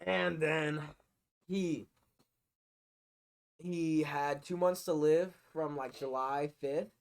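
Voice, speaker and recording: A man's voice: fairly high pitch, steady tone, very slow, gravelly, clean tone. Young man telling a rambling story. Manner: rambling storytelling, loud when laughing. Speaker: podcast guest. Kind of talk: casual chat.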